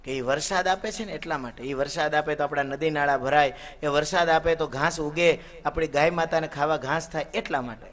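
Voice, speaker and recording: Male katha preacher, high-pitched, telling a devotional story and chanting Sanskrit verses. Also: fairly quick, a bit bright. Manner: voices characters in dialogue while narrating.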